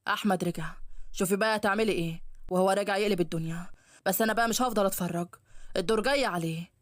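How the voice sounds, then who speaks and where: A woman's voice: mid-range voice, very fast, no room sound, studio quality, pitched below the performer's own voice, lightly acted. A woman voicing a pushy, threatening young man who courts a girl against her will, with an Egyptian accent. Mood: menacing. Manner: boastful and threatening. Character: pushy menacing young man, possessive suitor.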